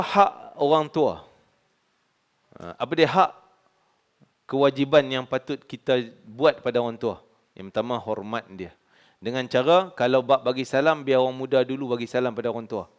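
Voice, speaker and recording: A man in his forties with a Malaysian Malay accent, teaching a hadith study class in a conversational way, often asking the audience "kan?". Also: mid-range voice. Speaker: religious teacher.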